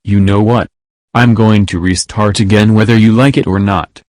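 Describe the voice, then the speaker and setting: A man's voice: on the low side, fairly even intonation, normal speed, darkish tone, no room sound, studio quality, natural voice. A man voicing a defiant, impatient computer user who mocks a virus in a comedy skit. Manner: mocking, stubborn, theatrical.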